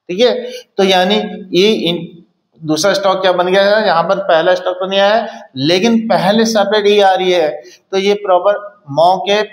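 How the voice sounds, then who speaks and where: A man teaching a shorthand lesson in speech, explaining step by step and often pausing to check understanding. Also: high voice, echoey room. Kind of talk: classroom lesson.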